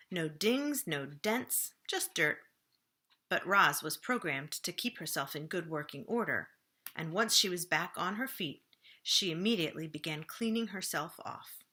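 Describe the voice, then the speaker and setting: Her voice sits on the low side as she reads a kids' storybook like a librarian would: expressive, with dramatic pauses, slowing and hushing her words when the story turns suspenseful.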